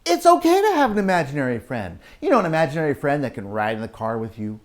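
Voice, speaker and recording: Bible talk and story time for children come from a man whose voice is a little high. He narrates with animation, building suspense through dramatic pauses and drawing the kids in with questions.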